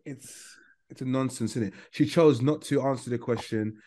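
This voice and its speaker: A man's voice: mid-range voice, normal speed, mellow. A man with a London accent in a heated podcast debate, blunt and dismissive, talking over the others.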